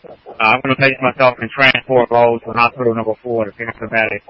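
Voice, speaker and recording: A man's voice: medium pitch, flat delivery, a little fast, no room sound. A man on an emergency crew reporting from the field over a two-way radio, matter-of-fact with hesitant fillers. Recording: muffled radio transmission.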